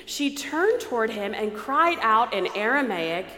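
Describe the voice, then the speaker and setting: A woman leading a dramatized scripture reading, animated and prompting listeners to join in. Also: fairly high pitch, unhurried. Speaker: lead reader. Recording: echoey hall with long reverb.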